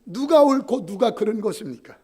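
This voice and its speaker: A middle-aged man preaches from the pulpit with a high, husky voice. His pitch leaps up and down as he tells anecdotes and plays the people in them. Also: moderate pace. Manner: animated storytelling, acting out quoted voices. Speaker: pastor. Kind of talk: sermon with acted-out anecdotes. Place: church sanctuary.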